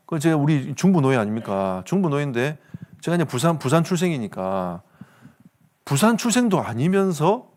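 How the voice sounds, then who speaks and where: A man's voice: fairly high pitch, big pitch swings, moderate pace, darkish tone. A male pastor with a Gyeongsang accent preaching a sermon, telling stories with comic asides and laughter. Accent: Gyeongsang Korean. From South Korea.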